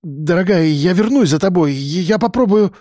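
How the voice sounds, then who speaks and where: A man's voice: high-pitched, lively intonation, normal speed, mellow, no room sound, pitched above the performer's own voice. A spineless middle-aged doctor, babbling and fawning in a slightly raised, nervous voice, as a male narrator puts him on. He hurries and stumbles over his words in a storybook scene. Dry and close. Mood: timid.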